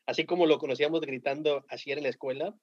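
A Mexican man, a teacher, telling animated anecdotes in slangy casual talk with a Mexican accent and frequent laughter. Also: fairly high pitch, very fast. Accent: Mexican Spanish. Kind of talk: casual podcast storytelling. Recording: dull lo-fi sound.

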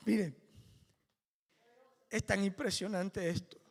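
A male pastor preaching a sermon with fervour, building to near-shouted climaxes. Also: sits high, steady tone, slow pace, gravelly. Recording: long hall reverb.

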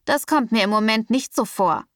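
A woman voicing a suspicious, hot-tempered young male dealer who talks in crude street slang and snaps loudly. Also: a little high, measured pace, dry recording, clean studio sound. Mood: angry.

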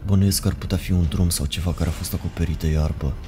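A man narrating a horror story in a measured, ominous way. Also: sits low, fairly even intonation. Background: music.

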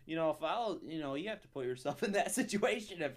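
A man's voice: fairly high pitch, expressive, fast. A young man co-hosting a podcast in casual chat, playful and teasing, often laughing. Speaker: podcast co-host.

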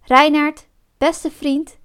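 A woman voicing a big, gullible male bear in a storybook who is mad for honey, eager and pleading, his voice jumping high. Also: little pitch movement, extremely slow, fairly bright tone, exaggerated voice. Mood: greedy eager.

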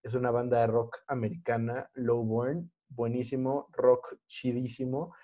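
Mexican guy podcast host, soft mellow voice, super slangy, throws english words in, just chatting. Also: mid-range voice, steady tone, unhurried. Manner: slangy young urban Mexican speech with English words mixed in. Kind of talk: casual podcast chat.

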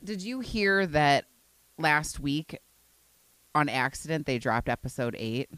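A chatty co-host filling casual talk with "like"s and letting sentences trail off. The voice has a middle pitch. The sound is dry and close, with no room echo. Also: expressive, slow, a bit bright, clear, resonant tone. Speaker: podcast co-host. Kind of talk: casual chat.

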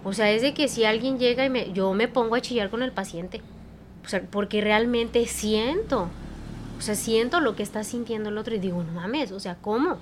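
A Mexican-accented woman chats on a podcast as its psychologist. She talks frankly and with feeling, drops swear words easily, and sits a little high in pitch. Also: moderate pace, slight background noise. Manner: frank and expressive, swears freely. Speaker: psychologist co-host. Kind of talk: casual podcast chat.

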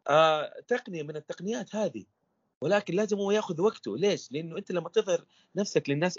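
A man's voice: fairly high pitch, slightly rough, no echo, dull audio. A man, a stuttering coach guesting on an interview podcast, explaining in a teacherly way with repeated rhetorical questions.

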